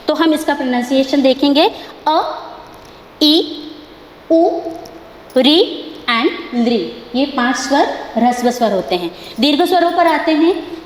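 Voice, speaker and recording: Indian lady teacher, high voice, drags out the sounds to demo them, roomy echo w/ long tail. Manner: explains slowly, stretches sounds to show pronunciation, checks understanding often; mixes English words into her talk. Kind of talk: classroom lesson. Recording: echoey room with long reverb, faint hiss.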